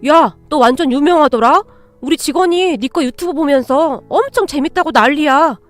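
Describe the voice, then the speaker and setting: A woman's voice: sits high, normal speed, no echo, faint music behind, natural voice. A woman voicing a grown man's blunt, scornful older brother in a storybook reading. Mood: demanding. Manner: brusque, demanding.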